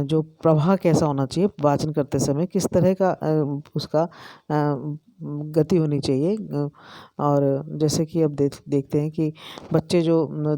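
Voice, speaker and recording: Mellow-voiced Indian woman lecturing. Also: low-pitched, dry recording. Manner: explanatory, many pauses and fillers. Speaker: education lecturer. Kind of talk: recorded lecture.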